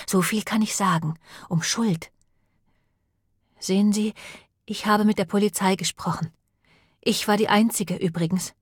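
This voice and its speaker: A woman's voice: medium pitch, darkish tone, husky, no room sound, studio quality. A woman reading an audiobook and voicing an earnest, pious village woman who talks in an urgent, brooding and preachy way.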